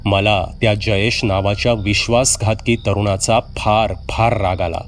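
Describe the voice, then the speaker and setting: A man narrating a horror story in the first person, measured and steady, with acted dialogue. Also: on the low side, a little hiss or hum.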